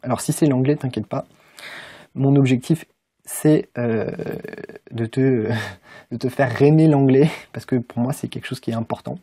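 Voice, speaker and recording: This young French man talks casually to camera about learning English to motivate viewers, peppering his speech with "euh" and many hesitations. His medium voice is steady and dark with a breathy edge, at a normal speed. There's no echo.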